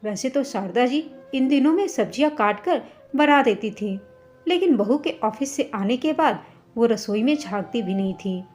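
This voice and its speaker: A woman's voice: fairly high pitch, a little mellow. A woman narrating a family story in a scripted storytelling style, speaking the characters' lines herself.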